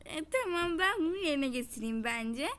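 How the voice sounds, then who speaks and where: A woman's voice: high voice, expressive, normal speed, a bit bright. A young woman vlogging casually while baking, chatty and self-mocking. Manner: chatty, dramatic outbursts and self-mocking complaints.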